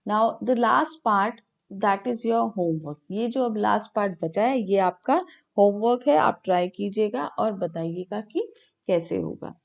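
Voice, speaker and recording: A woman's voice: mid-range voice, animated, slow, vocal fry, muffled recording. A woman teaching maths in an online video call class, checking in with "okay" after nearly every step and answering her own questions. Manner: repeats "ठीक है" often, mixes Hindi and English, asks and answers her own questions.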